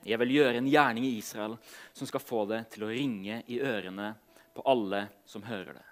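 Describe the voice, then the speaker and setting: Delivering a sermon in a medium-pitched voice, a man reads aloud from scripture and then chats casually, pausing with some hesitancy. His phrases taper off gently at their ends.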